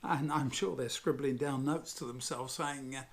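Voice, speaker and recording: A man teaching a Bible lesson, retelling the story in a lively, conversational way with asides. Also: medium pitch, normal speed.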